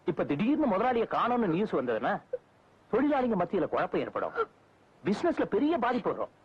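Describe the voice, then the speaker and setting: Cunning schemer, fast lively husky voice, music behind, muffled film audio. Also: male voice, high voice, exaggerated voice. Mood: scheming. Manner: cunning, brisk. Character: scheming manager plotting to seize property.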